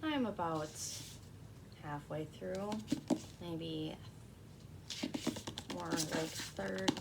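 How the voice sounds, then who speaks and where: A woman in a soft-spoken ASMR role-play as a librarian, talking in a hushed, gentle library voice with a creaky edge. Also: fairly low pitch, drawn-out words, very noisy.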